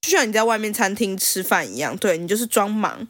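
A woman's voice: medium pitch, animated, fast talker, fairly bright tone, no echo. A woman, co-hosting a podcast in casual chat; she talks bluntly and laughs often. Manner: blunt, laughs often while telling family stories. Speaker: podcast co-host.

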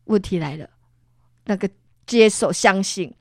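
A woman's voice: medium pitch, measured pace, vocal fry, dry recording, clean studio sound. A middle-aged woman from Singapore with a Singaporean accent, a guest animatedly telling a faith story and acting out the people in it. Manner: animated storytelling, acts out voices.

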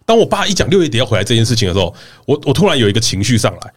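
Male host, animated storyteller with a bouncy pitch, casual podcast chat. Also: very fast, very noisy.

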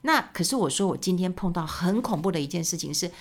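Hosting her podcast, this woman rambles chattily in a casual monologue at a quick, expressive pace. Her fairly low voice carries a gravelly, fry-tinged texture, and she scatters fillers and tag particles throughout.

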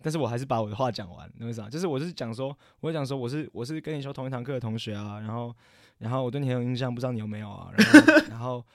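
A man's voice: medium pitch, lively intonation, very fast, no room sound, clean studio sound. A young man, a podcast co-host telling a story in casual chat, rambling and often correcting himself. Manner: rambling, stammering, frequent self-corrections.

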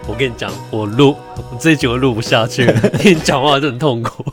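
A man's voice: medium pitch, fast talker, soft background music. A man co-hosting a podcast in casual chat, blunt and teasing, cursing casually as he talks. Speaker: podcast co-host.

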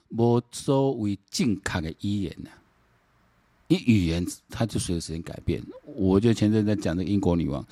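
A middle-aged man with a Taiwanese accent delivers a solo political commentary podcast. His voice sits low and dark, heard in a dry, close setting with no room sound. He rambles, repeats himself, and mixes in Taiwanese Hokkien. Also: dry recording. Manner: rambling, repeats words, switches into Taiwanese Hokkien, mocking rhetorical questions.

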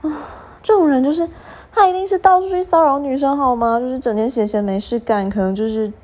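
Young woman, casual podcast storytelling, animated, acts out quoted lines. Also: sits high, a little fast. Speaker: podcast host.

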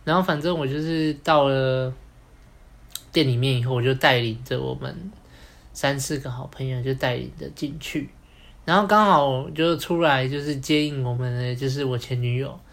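A man's voice: mid-range voice, moderate pace, gravelly, a bit bright. A young man with a Taiwanese Mandarin accent, telling a personal story as a podcast co-host, rambling along with many fillers. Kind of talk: casual storytelling chat.

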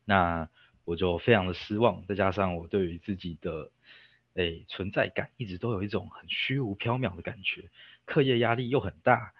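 A young adult man with a Taiwanese Mandarin accent, appearing as a guest, tells a story in a casual, rambling way, often cutting himself off with fillers. His low, husky voice holds a steady tone at a moderate pace, captured in a dry, somewhat dull, lo-fi recording.

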